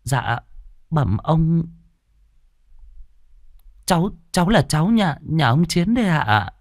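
A man voicing a shy young village girl who speaks timidly and haltingly. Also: sits high, animated, bright, forceful tone, dry recording, studio quality, voice pushed up. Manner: timid, hesitant.

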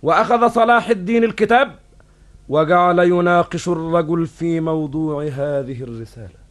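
High-voiced man acting as an cafe storyteller. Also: normal speed, lightly acted. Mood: declamatory storytelling. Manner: declamatory, formulaic addresses to listeners. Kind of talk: Arabic cafe storyteller narration in formal classical Arabic.

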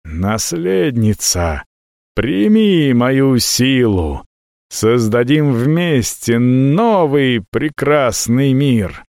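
Guy putting on a cold old dragon voice, low and draggy, super dry close audiobook sound. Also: very animated, vocal fry, dry recording, exaggerated voice. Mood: commanding. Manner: slow, low, quietly menacing. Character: ancient menacing dragon, calm and scornful.

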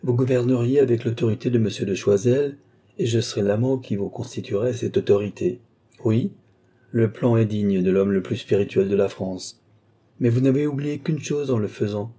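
A man's voice: medium pitch, normal speed, mellow, slightly rough, close to an everyday voice. A man reading an audiobook, voicing a guarded, eloquent duke in middle age who speaks in long, earnest, courtly speeches. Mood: declaiming. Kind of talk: audiobook reading of a classic novel.

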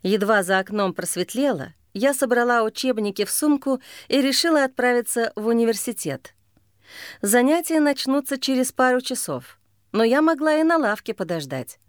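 A woman's voice: on the high side, expressive, normal speed, dry recording, clean studio sound. A woman narrating a first-person audiobook in an intense, bitter, emotionally charged way.

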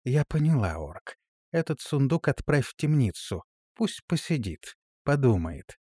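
A man's voice: medium pitch, very animated, a little slow, mellow, breathy edge, no room sound, studio quality. An actor voicing a flustered, bossy female gnome ruler in a storybook reading. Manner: hasty, commanding.

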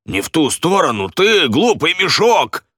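A man voicing a brash, rude landlord on crutches who yells and pleads in a shrill voice. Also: sing-song, slow pace, no echo, clean studio sound, full character voice. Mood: shrill, panicky.

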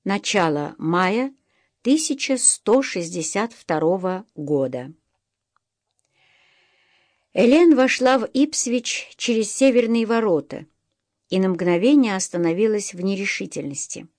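Dry, steady woman audiobook narrator. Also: medium pitch, unhurried, dry recording. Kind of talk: scripted narration.

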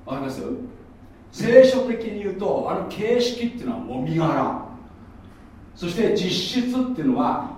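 A man preaching a sermon as a pastor, in a chatty, lively storytelling manner with mocking asides. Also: high voice, a little hiss or hum. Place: church hall. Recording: echoey room from far off.

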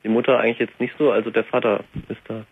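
On a tinny phone line, an eighteen-year-old man calls in to a late-night talk show. His medium-pitched, slightly rough voice is fast and flat, and he speaks hesitantly with lots of fillers.

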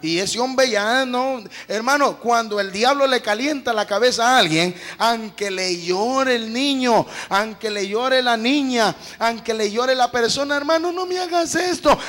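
Emphatic male preacher, very high gravelly voice, echoey hall, light music. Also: measured pace, few pauses, fairly bright tone. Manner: emphatic, addresses listeners as brother. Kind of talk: fiery sermon with Bible reading.

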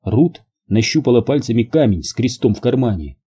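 A male audiobook narrator with a very dark, mellow voice and a husky edge. He reads in an even, measured way at a middle pitch.

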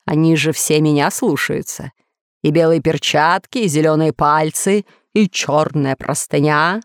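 A scheming lord of monsters brags in a calm, low, unhurried voice, as a woman reading the story puts him on. He savors every menacing detail. There is no room sound at all. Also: no room sound, studio quality. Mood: smug, boastful. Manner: calm, boastful. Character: boastful scheming male villain, lord of computers.

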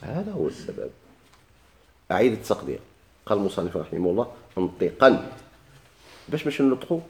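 A man's voice: fairly low pitch, very animated, fast talker, gravelly. A man with a Moroccan Arabic accent teaching a grammar lesson, asking questions and answering them himself, often repeating key words. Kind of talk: classroom lesson explaining a grammar text.

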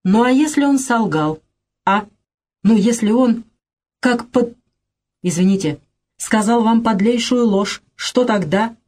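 Woman reading a scheming suitor: haughty, insistent, husky. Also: on the high side, animated, a little slow, long pauses, darkish tone, pitched above the performer's own voice. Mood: indignant. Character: scheming gentleman suitor, proud and commanding.

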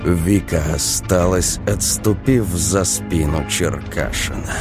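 A man reading a story aloud as a narrator, in a measured, expressive storytelling manner. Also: low-pitched, over music. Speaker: audiobook narrator. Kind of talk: scripted narration.

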